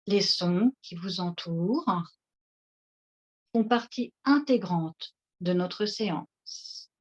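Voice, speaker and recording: A woman leading a guided seated relaxation session, speaking in a slow, soothing, instructive way. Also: medium pitch, darkish tone. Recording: dull lo-fi recording.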